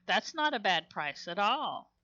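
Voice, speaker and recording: A woman with a Southern accent rambles through a game stream in an unhurried drawl, muttering to herself as she goes. Her voice has a bright, forward edge, heard over a dull, lo-fi stream recording. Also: medium pitch, very animated. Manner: chatty, rambling, mutters to herself, laughs often. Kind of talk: casual gameplay commentary.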